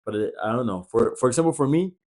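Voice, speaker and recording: A man's voice: medium pitch, lively intonation, fast talker, a little mellow. A young man co-hosting a podcast, chatting casually in loose slang full of "like". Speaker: podcast co-host. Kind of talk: casual chat.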